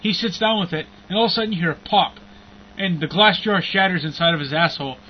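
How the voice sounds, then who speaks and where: A young man co-hosting a podcast, talking bluntly in crude casual chat and telling stories deadpan. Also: high-pitched, quick pace. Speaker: podcast co-host. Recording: muffled lo-fi with faint noise.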